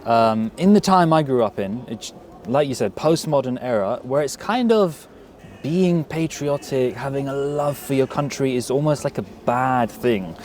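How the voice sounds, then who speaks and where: A mid-range, slightly mellow voice belongs to a man who grew up in England and speaks with an English accent. Interviewed casually outdoors at a street event, he talks animatedly at normal speed, earnest and reflective, repeating words as he thinks, over a little hiss or hum.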